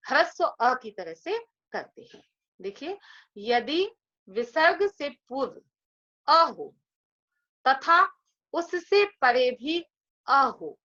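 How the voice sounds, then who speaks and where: A woman's voice: sits high, sharp tone. A woman teaching Sanskrit grammar in a patient, step-by-step lecture, repeating each point. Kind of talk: explanatory classroom lecture. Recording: dull lo-fi recording.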